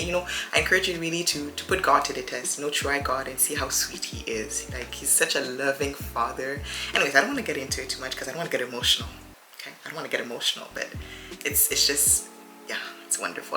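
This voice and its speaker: A woman's voice: a bass voice, bright, forceful tone. A woman in her thirties chatting as a beauty vlogger while doing her makeup, rambling and addressing viewers as friends. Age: 30s. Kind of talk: get-ready-with-me casual chat. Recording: roomy echo with faint music behind.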